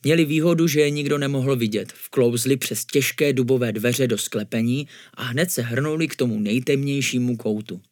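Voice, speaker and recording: A man reading a spooky children's story aloud in a calm, even way, his voice sitting at an ordinary middle pitch. The recording is close and dry, with no echo around him. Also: hardly any pauses. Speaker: narrator. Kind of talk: storybook narration.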